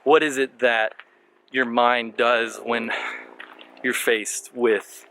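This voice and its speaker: Slightly breathless outdoors on a bike trail, a marketing vlogger speaks slowly to camera with earnest encouragement, asking his viewers questions. His voice is medium-pitched and fairly even, pushed and bright, and the recording is rough.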